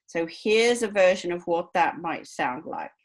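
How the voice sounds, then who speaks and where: Woman lecturer explaining with steady patience. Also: fairly low pitch, unhurried. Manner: explanatory, checks understanding with frequent "right?". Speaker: university lecturer. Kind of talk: recorded lecture.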